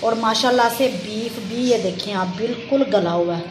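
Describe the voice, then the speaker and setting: Hosting a home cooking channel, a woman casually and politely talks through each step of a recipe, blessings scattered throughout. Her voice is a little high and moderately paced. She films on her phone in an echoey kitchen with a noisy background.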